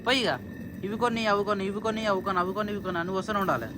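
A man's voice: high-pitched, steady tone. A man talking casually while working at home in a village and telling others what to do. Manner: directing others, brisk. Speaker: vlogger. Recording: loud background noise.

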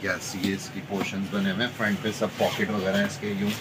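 A man running a bag shop, pitching products and prices, mixing in English numbers. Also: little pitch movement, brisk. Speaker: shopkeeper. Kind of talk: sales pitch. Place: busy bag shop in a mall. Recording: noisy shop floor. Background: shop ambience.

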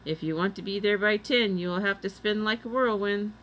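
A woman voices a short, bearded gentleman in a read-aloud storybook. His gruff voice is kindly and eager to help. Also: medium pitch, fairly quick, slight background noise, natural voice, rough recording. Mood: helpful.

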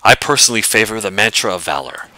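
A raspy knight lord of a fantasy game, as a man reads him out. He speaks with formal, archaic courtesy. The voice is low and bright, recorded close and dry. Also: animated, quick pace, no echo, poor audio. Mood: courteous. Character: muscular male knight, lord of a castle.

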